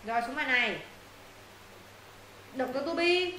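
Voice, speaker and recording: A woman teaching an English lesson to her students, walking them through answers and firing quick questions to check they follow. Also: sits high, animated, pushed and bright. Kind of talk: classroom lesson explaining answers. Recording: roomy echo, faint noise.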